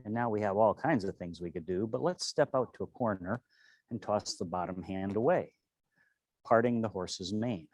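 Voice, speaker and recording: A man with a fairly low voice leads a tai chi tutorial. He gives serene, unhurried cues one movement at a time. The sound is very dry, with next to no room in it. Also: darkish tone, dry recording. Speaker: tai chi and qigong instructor.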